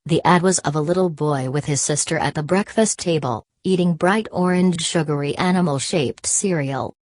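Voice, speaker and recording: A woman reads a scripted superhero story as its narrator. Her voice sits low in pitch, and the recording is close and dry, with very little room sound. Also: normal speed, a little mellow, no room sound. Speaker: audiobook narrator.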